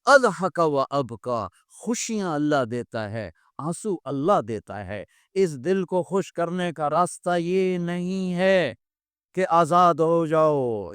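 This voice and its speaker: Older male preacher, storytelling sermon style, resonant and clear, dry close-miked sound. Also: a little high, no room sound. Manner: storytelling with acted quotes and recited Persian verse. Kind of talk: religious sermon.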